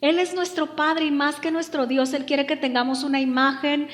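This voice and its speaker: Woman pastor, lively sermon, humorous, echoey church. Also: high voice, moderate pace. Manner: lively, humorous, acts out quotes.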